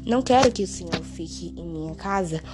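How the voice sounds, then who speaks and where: A woman voicing a sinister old male vampire count who speaks slowly and with polite menace in a storybook reading. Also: on the low side, expressive, music in the background, lightly acted. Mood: calm menace.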